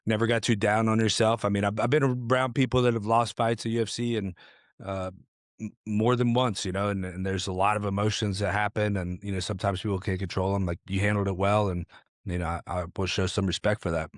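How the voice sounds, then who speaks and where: Chill podcast host guy, kinda low voice, says "man" a lot, dry sound. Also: level tone, brisk, dry recording. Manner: laid-back, filler-heavy, says "you know" and "man" a lot. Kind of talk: casual interview chat.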